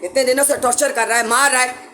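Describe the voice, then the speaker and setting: Woman, high voice, urgent accusing appeal, echoey room at home. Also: steady tone, fast, fairly bright tone. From Pakistan. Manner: urgent, accusing, repetitive pleading. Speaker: mother making a public appeal. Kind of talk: impassioned complaint to camera. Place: her home, indoors.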